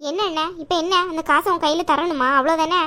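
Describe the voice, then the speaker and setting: A woman's voice: very high voice, steady tone, brisk, pushed and bright. A woman voicing a defensive younger sister in a cartoon, protesting and pleading. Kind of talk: animated cartoon voice acting.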